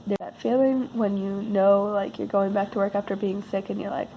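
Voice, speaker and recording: A woman's voice: medium pitch, little pitch movement, moderate pace, highs cut off, slight background noise. A woman vlogger who sounds sick and losing her voice, telling a casual, rambling personal story with wry, self-deprecating understatement.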